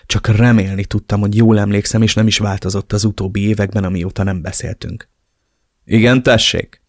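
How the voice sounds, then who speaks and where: A man's voice: fairly low pitch, level tone, darkish tone, no room sound, clean studio sound. A man narrating a novel in the first person with a dramatic, emotional reading. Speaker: audiobook narrator.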